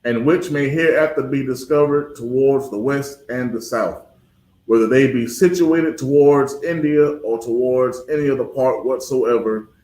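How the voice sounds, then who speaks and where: A man's voice: medium pitch, normal speed, a little mellow. Man reading scripture, echoey and distant. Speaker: scripture reader. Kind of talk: reading aloud texts.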